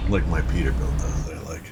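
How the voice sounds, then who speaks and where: Deep middle-aged man, gravelly, folksy rambling chatter, loud truck engine underneath. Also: sing-song, unhurried, very noisy. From Wisconsin. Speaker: gaming YouTuber. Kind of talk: casual gameplay commentary. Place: home gaming room with driving rig.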